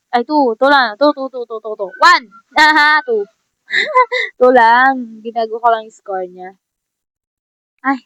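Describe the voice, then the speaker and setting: A woman's voice: sits high, a bit bright, no room sound. A young woman chatting casually and teasingly to viewers while playing a game. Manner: chatty, teasing, talks to herself and viewers, laughs often. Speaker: gaming vlogger. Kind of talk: casual gameplay commentary. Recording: dull lo-fi sound.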